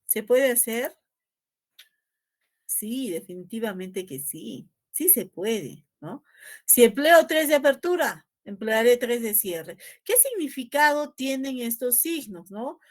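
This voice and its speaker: A woman teaching a slide-based spelling lesson with a Peruvian Spanish accent. Her voice sits a little high, and she explains step by step with examples. She tags nearly every phrase with a questioning "¿no?". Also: animated, takes it slowly. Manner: ends phrases with a tag "¿no?".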